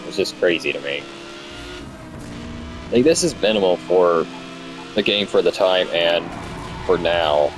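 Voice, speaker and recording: A man's voice: low voice, expressive, unhurried, long pauses, over music. A young man giving casual gameplay commentary in a stoned, rambling, easily sidetracked way, swearing freely. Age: young adult. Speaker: gamer recording commentary.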